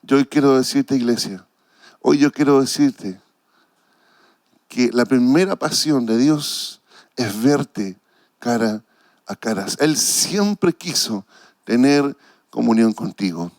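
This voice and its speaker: A man's voice: medium pitch, lively intonation, slow pace, long pauses, a little mellow, no room sound, clean studio sound. A man with a Chilean Spanish accent preaching a sermon as pastor, earnest and emotional, repeating phrases for weight.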